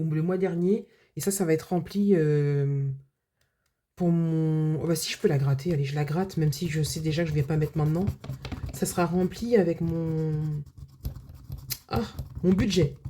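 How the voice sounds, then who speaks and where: A woman's voice: low voice, steady tone, normal speed, dark tone, a little hiss or hum. A woman budget vlogger chatting casually to her viewers, full of filler words and restarts. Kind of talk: casual vlog chat.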